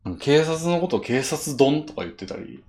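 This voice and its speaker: A man's voice: on the high side, very animated, a little fast, darkish tone. A man with a Kansai accent hosting a casual chat podcast, enthusiastic and laughing often. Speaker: podcast host.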